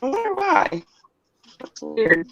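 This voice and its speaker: A woman's voice: sits high, huge pitch swings, vocal fry, poor audio. Woman on a choppy video call. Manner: halting, stumbling restarts. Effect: glitchy video-call line that keeps breaking up. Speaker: remote guest on a video call.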